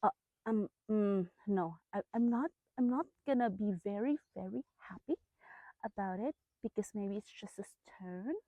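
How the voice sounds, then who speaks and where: A woman vlogger telling reflective stories in a calm, gentle, unhurried manner. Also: medium pitch, no room sound, phone-quality sound. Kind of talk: reflective storytelling vlog.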